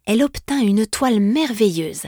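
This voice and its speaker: A woman storyteller reading a fairy tale aloud in a steady, expressive way. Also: fairly high pitch, normal speed, dry recording, studio quality.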